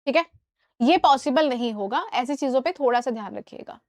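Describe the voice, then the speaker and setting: A woman English teacher giving a live online class, explaining in Hindi and reading English examples slowly, often checking that students follow. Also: high-pitched, no room sound, clean studio sound. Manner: asks students questions and checks understanding.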